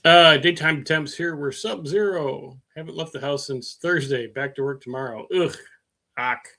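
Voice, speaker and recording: A middle-aged man with a high-leaning, creaky voice that sounds pushed and bright speaks at normal speed on a casual stream about his car projects. He rambles, fills his talk with fillers, makes fun of himself, and reads viewers' comments aloud.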